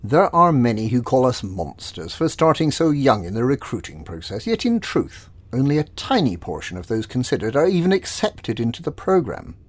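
Man voicing a sly recruiter for a secret order, Slavic accent, clipped precise delivery, husky tone, lively pitch swings, dry close sound; audio drama. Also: moderate pace, hardly any pauses, no echo. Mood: smug. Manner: clipped, exact syllables. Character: secretive smug male recruiter of child chefs.

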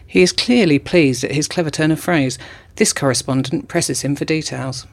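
A man reading scripted documentary narration as a correspondent, measured and formal. His voice carries a gravelly edge. It sits slightly high for a man.

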